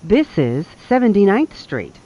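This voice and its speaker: A recorded subway announcer heard over a train loudspeaker, speaking in measured, evenly spaced phrases. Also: mid-range voice, huge pitch swings, lo-fi sound. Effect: played over a train loudspeaker.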